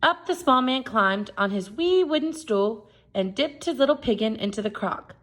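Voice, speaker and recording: A woman reading a children's storybook aloud in expressive narration. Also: a little high, normal speed. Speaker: storybook reader.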